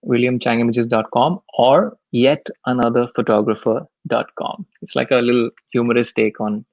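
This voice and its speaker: A man's voice: medium pitch, fairly even intonation, moderate pace, gravelly, a little mellow, no room sound, highs cut off. A man with an Indian accent speaking casually and candidly as a guest on a live stream, self-effacing in manner. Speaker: photographer and teacher, webinar guest.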